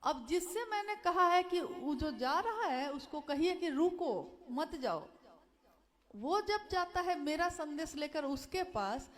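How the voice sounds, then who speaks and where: A woman's voice: very high voice, animated, measured pace, hardly any pauses. A woman giving an earnest devotional talk, pleading with listeners and repeating her key phrases. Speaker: speaker at a devotional gathering.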